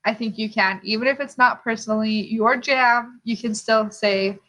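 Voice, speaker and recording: Bright, high-voiced woman teaching a lesson. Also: fairly even intonation, moderate pace, low-quality recording. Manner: rhetorical questions, checking in with "okay". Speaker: art teacher. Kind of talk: instructional lesson narration.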